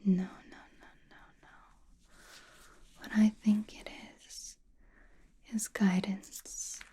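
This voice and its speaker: A woman voicing a powerful, mysterious witch in a slow, breathy, intimate ASMR whisper, gently teasing and soothing. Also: medium pitch, level tone. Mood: gentle, wise.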